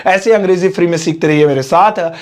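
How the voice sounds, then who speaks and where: A young man with a high voice teaches spoken English. He explains each phrase patiently and stretches English words out slowly as he writes them.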